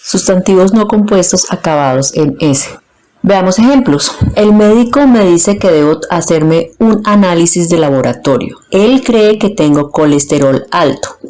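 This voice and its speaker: This is a woman giving a scripted grammar lesson. Her voice sits somewhat low and sounds mellow and warm. She talks very slowly and carefully, taking words apart piece by piece. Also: animated. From Colombia. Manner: slow, deliberate, splits words into their parts. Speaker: Spanish teacher.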